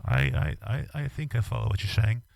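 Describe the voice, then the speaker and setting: Very deep, halting male interviewer. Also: very animated, gravelly, a little mellow, no echo. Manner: hesitant and halting, many ums, thinking aloud. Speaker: magazine interviewer. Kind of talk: casual interview chat.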